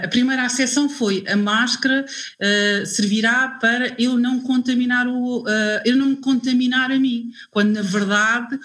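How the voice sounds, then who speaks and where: A woman's voice: on the high side, fairly bright tone. A woman from Angola, speaking on a discussion panel, hesitant and searching for her words with many fillers.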